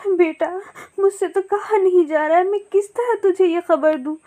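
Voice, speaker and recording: A woman voicing a kindly motherly female parrot who speaks in a soft, sorrowful, consoling way, in a storybook. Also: very high-pitched, moderate pace, voice pushed up. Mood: grieving.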